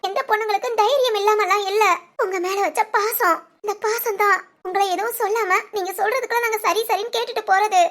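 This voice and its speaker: A hurt young wife with a very high, thin voice, crying as she speaks. She talks in a plaintive, complaining way, and sobs break through her lines. This is cartoon family-drama voice acting. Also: fairly even intonation, brisk, fairly bright tone. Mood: upset, pleading. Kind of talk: animated family story voice acting.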